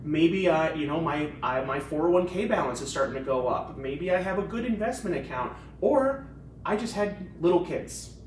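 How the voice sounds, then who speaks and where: A man's voice: a little high, animated, moderate pace. Male attorney, co-host, conversational and joking; roomy echo, faint noise. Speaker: estate planning attorney, co-host. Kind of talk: casual professional discussion. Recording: echoey room, mic at a distance, faint background noise.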